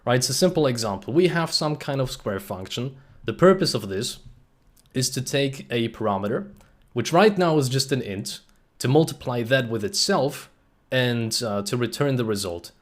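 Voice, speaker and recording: A man's voice: medium pitch, expressive, moderate pace. Casual man presenting a live coding talk. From Germany. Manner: casual, explanatory, frequent "uh" fillers, addresses chat. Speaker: host and presenter. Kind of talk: live-streamed technical presentation.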